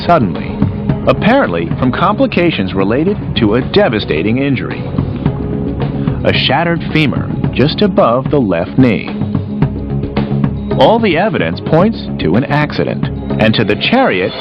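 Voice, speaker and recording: Highly animated male documentary narrator. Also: dull audio. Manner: dramatic, deliberate delivery. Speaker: presenter and narrator. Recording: band-limited sound under loud music. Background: loud music.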